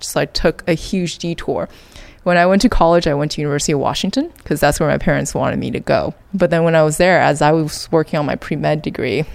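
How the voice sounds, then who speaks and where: A woman from Taiwan with a low, gravelly voice, sharing her story as a guest artist. She is thoughtful and reflective, and she often pauses on small fillers as she talks. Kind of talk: reflective interview talk.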